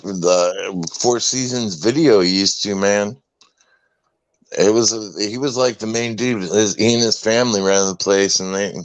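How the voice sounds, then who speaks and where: A man's voice: on the low side, no room sound, rough recording. A man casually recounting a memory during a group chat. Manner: reminiscing, relaxed.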